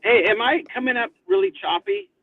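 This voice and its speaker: A man's voice: extremely high pitch, very animated, brisk, creaky, no echo. A man calling in to a casual chat, his voice coming through choppy like a mistuned ham radio. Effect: choppy mistuned ham-radio-like call audio. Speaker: remote guest calling in. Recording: choppy lo-fi call line.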